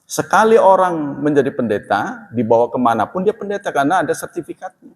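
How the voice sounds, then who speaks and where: A man's voice: a little high, sing-song, a little fast. A man giving a conversational sermon as a preacher, sometimes acting out dialogue in a raised voice. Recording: echoey hall.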